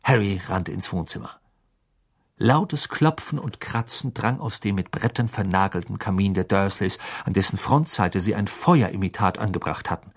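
Husky male audiobook narrator. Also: low voice, normal speed. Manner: expressive reading. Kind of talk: scripted narration.

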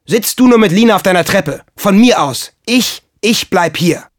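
A man voicing a stubborn little boy who shouts threats from a locked shed in a storybook reading. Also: high-pitched, expressive, moderate pace, no room sound, clean studio sound, pitched above the performer's own voice. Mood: defiant.

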